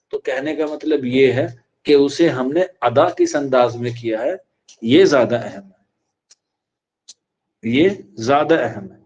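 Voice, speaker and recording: A male teacher giving an exam-prep lecture. He asks the class questions and answers them himself, and he repeats key phrases slowly for dictation. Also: medium pitch, darkish tone, highs cut off.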